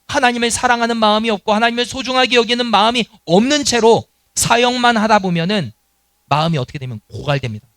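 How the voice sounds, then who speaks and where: A middle-aged man delivers a sermon to his congregation, his voice pitched high and swinging widely in pitch. He dramatizes quoted lines with earnest feeling. The sound is dry and close, with little room echo. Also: fairly bright tone. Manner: earnest preaching, acting out quoted dialogue. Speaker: pastor. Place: church sanctuary.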